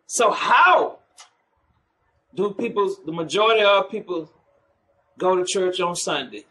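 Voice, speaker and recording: A man's voice: a little high, sharp tone, a little hiss or hum, rough recording. A man preaching in the street, mocking churchgoers and calling for the next verse to be read. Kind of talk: street preaching with scripture reading.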